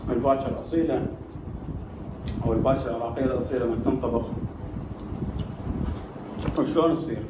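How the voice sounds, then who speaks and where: A man's voice: mid-range voice, fast talker, long pauses. A man with an Iraqi Arabic accent chats casually and effusively to viewers as the host of a food video, exclaiming and addressing them directly. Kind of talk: casual mukbang chat to viewers. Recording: echoey room with loud background noise.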